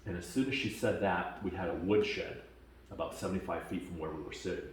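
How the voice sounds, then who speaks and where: A man from Washington state gives a camp testimonial as casual, halting storytelling with many fillers, growing lively as he retells events. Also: low voice. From Washington state, USA. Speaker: camp attendee giving a testimonial. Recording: very echoey, distant mic, faint noise.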